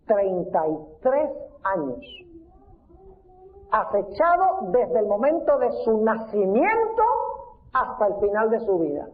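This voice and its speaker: High-pitched pastor preaching, punchy rhetorical questions, tinny phone-line sound. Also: male voice. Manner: emphatic, rhetorical questions to the congregation. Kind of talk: sermon.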